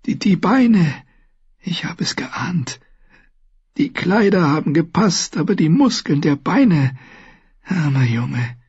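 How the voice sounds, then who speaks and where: A man's voice: a little high, very animated, slow pace, long pauses, darkish tone, husky, dull audio, pitched above the performer's own voice, heavily acted. A man voicing a wounded, dying old male scholar in an audiobook, speaking faintly in broken, half-whispered phrases. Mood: faint, tender. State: wounded, weak.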